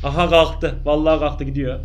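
A man's voice: fairly high pitch, level tone, moderate pace, a little hiss or hum. A man commentating casually on a video he is watching, jumpy and exclaiming at the screen. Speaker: YouTuber reacting to a video.

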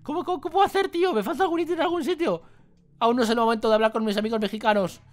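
A gaming YouTuber with a Spain Spanish accent gives jokey gameplay commentary, exclaiming and muttering to himself as he plays. His voice is extremely high-pitched and very fast, with faint music in the background.

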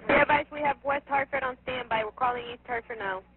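A fire dispatcher speaks procedurally over a two-way radio in a high, steady, fast voice, clipped and repeating messages back. The fire dispatch radio recording is tinny and noisy.

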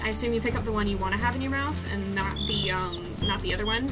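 A young woman streaming a speedrun, giving quick, excitable play-by-play commentary and repeating phrases as she goes. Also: medium pitch. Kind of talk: live gameplay commentary. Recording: game music in the background.

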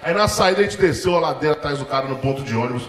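A Brazilian stand-up comedian tells stories in a brash, profane, self-mocking way. His voice is fairly high and he talks very fast. The sound rings in an echoey room. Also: lively intonation. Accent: Brazilian Portuguese.

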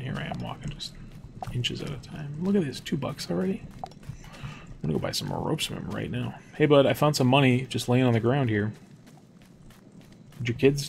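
A young man commentating a game casually, thinking aloud and dropping to hushed tones when nervous. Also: medium pitch, vocal fry, a little hiss or hum. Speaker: gameplay commentator. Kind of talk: casual let's-play commentary.

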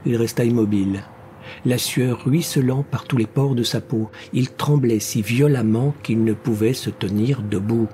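A man narrating a science fiction story as an audiobook reader, with a measured, dramatic delivery. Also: medium pitch, mellow, a little hiss or hum. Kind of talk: scripted narration.

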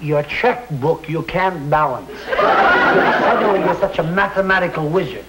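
A man's voice: fairly high pitch, expressive, measured pace. An actor playing a grumpy, put-upon father in a 1950s television sitcom, complaining in exasperated, piled-up lists. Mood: grumpy ranting. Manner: exasperated, complaining, building lists for comic effect. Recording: noisy 1950s TV soundtrack.

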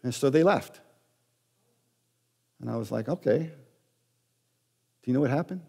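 A man's voice: mid-range voice, measured pace, gravelly, darkish tone, slightly rough. Male pastor preaching in a reverberant hall. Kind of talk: sermon. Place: church sanctuary.

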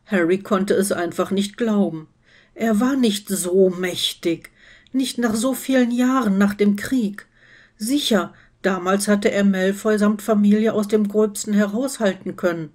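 A woman reading fan fiction aloud in steady, scripted storytelling narration. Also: medium pitch, a little slow. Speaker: reader.

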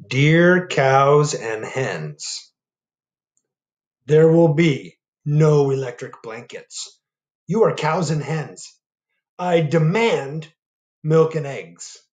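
A man voicing an exasperated, bossy male farmer who shouts in outrage. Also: a little high, animated, extremely slow, long pauses, reverberant, voice pushed up. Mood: stern.

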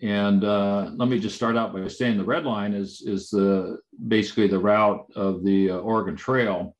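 Halting low-voiced man presenting slides. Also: fairly even intonation, lo-fi sound. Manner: halting, many fillers and restarts.

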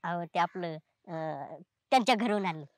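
A woman's voice: lowish voice, animated, moderate pace, a little mellow, no room sound, clean studio sound, lightly acted. A woman playing a sly young village boy who stammers out excuses in a comedy skit. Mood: evasive.

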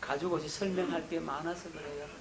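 A middle-aged man preaching a sermon lecture as a pastor, who asks the congregation questions and answers them himself, getting higher and louder on key points. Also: fairly even intonation, brisk, creaky, very noisy. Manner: rises in pitch and volume on emphasis. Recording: echoey room.

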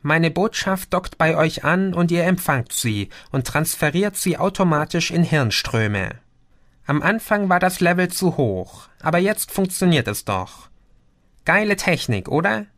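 A man voicing a cheerful, talkative male green insect alien with a lively, playful way of talking. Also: fairly high pitch, unhurried, pitched above the performer's own voice, full character voice. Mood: chatty.

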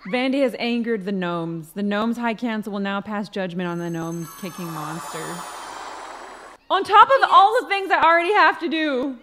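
A young woman commenting casually on a life-simulation game she is playing, expressive and quick to shriek and laugh. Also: on the high side. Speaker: gaming video host.

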